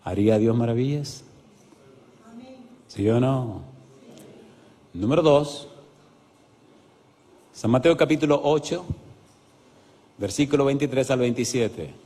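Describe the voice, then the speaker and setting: A man preaching a sermon as pastor, animated and asking his audience yes-or-no questions. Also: medium pitch, slow pace, pauses often. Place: church hall. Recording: long hall reverb.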